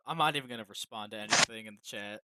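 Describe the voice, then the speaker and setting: A man's voice: fairly low pitch, very fast. A man live-streaming his reactions to a race, talking casually and swearing as he chats with viewers. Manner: casual and profane, talks to chat. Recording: distant mic with loud noise.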